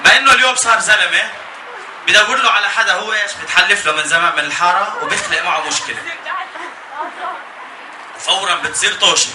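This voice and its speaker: A man with a Jordanian accent doing stand-up comedy as an animated, escalating rant, telling stories and acting out bits. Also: sits high. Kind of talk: stand-up comedy about weddings. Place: live comedy show before an audience. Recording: echoey live venue, distant, noisy laughing crowd.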